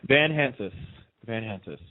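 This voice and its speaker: Here a radio host sits in the guest's chair, swapping stories in a relaxed chat and repeating phrases to drive points home. His medium-pitched voice is animated at an ordinary speed, and the sound is narrow and tinny.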